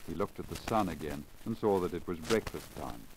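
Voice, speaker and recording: A low-voiced radio broadcaster reads a literary story in a measured, formal, carefully enunciated manner typical of 1950s radio storytelling. The recording comes from a deteriorated 1950 lacquer disc, crackly with surface noise throughout.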